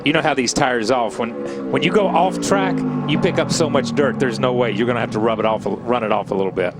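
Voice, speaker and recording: A man's voice: mid-range voice, big pitch swings, brisk. A man offering casual, technical race commentary. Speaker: racing commentator. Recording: music and car noise behind.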